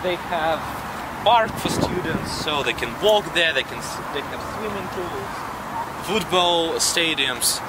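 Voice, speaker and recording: A young man with a Russian accent giving a halting, filler-heavy walking tour outdoors on a camera mic. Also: fairly high pitch, animated. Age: young adult. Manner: halting, lots of fillers and restarts. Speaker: vlog host and city guide. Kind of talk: casual walking tour talk. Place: outdoors on a city campus street. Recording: loud wind noise on camera mic.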